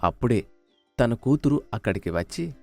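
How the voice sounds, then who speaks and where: A man narrating a children's cartoon story in an expressive storytelling manner. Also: mid-range voice, moderate pace, gravelly, no room sound, soft background music.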